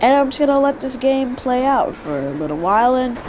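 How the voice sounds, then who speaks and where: A woman talks through her gameplay in a chatty, animated way, fixing her words as she goes. Her voice sits fairly high and bounces a lot in pitch. Loud game sound effects play under her. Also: fairly quick, background noise. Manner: chatty, animated, self-correcting. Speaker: gaming video host. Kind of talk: gameplay commentary.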